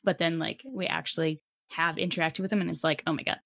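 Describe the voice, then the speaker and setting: A woman with a Canadian accent co-hosts a podcast, chatting casually, giggling often, and saying "like" a lot. Her low-pitched voice is steady, a bit bright, with vocal fry, and she talks fast.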